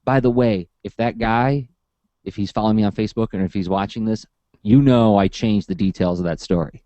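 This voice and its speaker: Fairly quick and fairly low-pitched, this man, a comics workshop teacher, tells long, casual stories and acts out the quotes with animated verbosity. It's a dry recording with the highs cut off.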